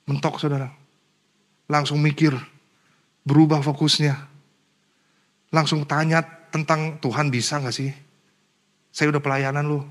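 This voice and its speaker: A male pastor preaching a sermon, speaking emphatically and directly to the congregation, moving between rousing calls and quiet personal storytelling. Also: a little high, level tone, measured pace, pauses often.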